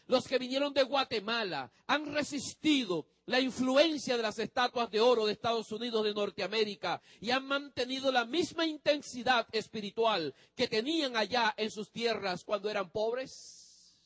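A man's voice: extremely high pitch, normal speed, a bit bright, no echo. A male pastor preaching a sermon, speaking emphatically to the congregation and drawing out the ends of phrases.

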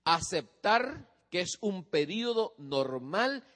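A man's voice: sits high, very animated, slow, fairly bright tone. Man lecturing in a reverberant hall. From from a different country than his audience. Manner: engages listeners with questions. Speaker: speaker on parenting teens. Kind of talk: lecture to a live audience.

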